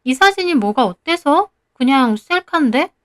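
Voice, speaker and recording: A woman voicing a brash divorced woman who snaps back defensively, with shrill, indignant retorts. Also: expressive, normal speed, a bit bright. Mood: dismissive.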